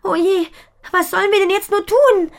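A woman voicing an excitable, anxious young girl in a children's story, high and loud. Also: normal speed, slight background noise. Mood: distressed.

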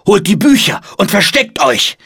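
A man's voice: fairly high pitch, animated, moderate pace, fairly bright tone, no room sound, studio quality, voice pushed up. A man voicing an earnest, commanding monk leader in an audiobook story. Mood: urgent.

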